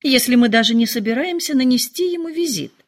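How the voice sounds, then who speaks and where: A woman voicing a nervous, excitable middle-aged mother who complains in shrill, dramatic outbursts. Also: brisk. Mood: fretful.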